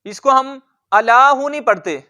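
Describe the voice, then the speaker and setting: A man with a very high, bright voice leads a Quran recitation lesson. His tone is smooth and clear, and he drills each word slowly, asking questions and then answering them himself.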